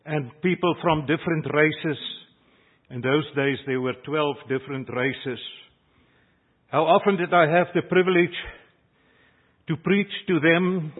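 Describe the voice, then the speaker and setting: A fairly high, breathy-edged male voice comes through phone-quality audio at a measured pace with long pauses. He's an older Afrikaans-speaking South African pastor preaching in South African English, earnest and emphatic, his voice rising on key phrases.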